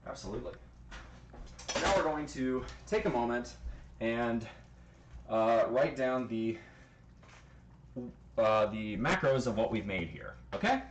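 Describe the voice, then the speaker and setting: A livestreaming man cooks in his home kitchen and chats loosely with his stream chat, swearing now and then and counting numbers aloud. His mid-range voice has lively intonation and a measured pace with frequent pauses. A handheld phone camera picks him up indoors, with slight background noise.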